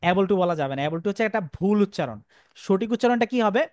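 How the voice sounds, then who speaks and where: A man's voice: sits high, lively intonation, a little fast, a little mellow, no echo, studio quality. A male English teacher giving a classroom lecture, repeating phrases and asking the class questions.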